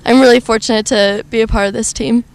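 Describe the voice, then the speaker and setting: A teenage girl on a high school soccer team, speaking tearfully and emotionally with many "like"s. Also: fairly even intonation, fast talker, no room sound. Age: teens. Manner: emotional, repeats "like".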